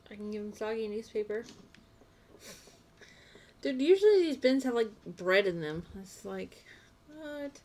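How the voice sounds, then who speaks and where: Slow-talking woman streaming a game. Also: on the high side, expressive, a little mellow, slight background noise. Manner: rambling, talks to herself while playing. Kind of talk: casual live gameplay chat.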